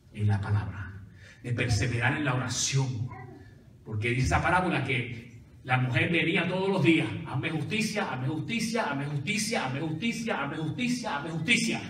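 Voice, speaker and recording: A man's voice: sits high, a bit bright, a little hiss or hum. A male pastor preaching a sermon, calling out to his congregation for responses. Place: church sanctuary. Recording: echoey church hall from far off.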